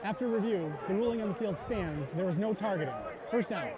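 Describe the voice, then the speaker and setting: High-pitched man, referee penalty announcement. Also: a little fast, a loud crowd. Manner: clipped, formal official phrasing. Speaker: football referee. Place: outdoor football stadium. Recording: dull, noisy stadium microphone outdoors.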